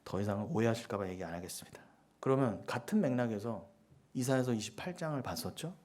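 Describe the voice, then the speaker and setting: A man preaching a sermon as pastor, with forceful rhetorical questions and sudden hushed asides. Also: lowish voice, expressive, fast.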